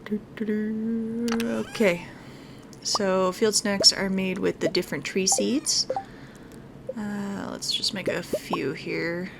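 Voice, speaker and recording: She speaks slowly with fairly even intonation, a medium-pitched voice, and vocal fry, against some background noise. As host of a casual gaming video, she chats, thinks aloud, and reads the in-game dialogue over background music.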